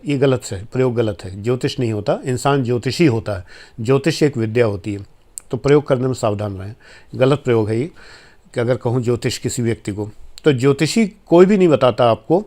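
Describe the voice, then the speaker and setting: A man's voice: medium pitch, darkish tone. A man in his fifties from India, giving an informal spoken lecture to viewers in an earnest, admonishing way. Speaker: life coach and former administrator.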